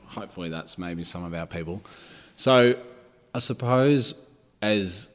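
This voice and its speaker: Very deep-voiced laid-back man. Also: a little slow, in a large hall. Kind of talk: casual podcast conversation.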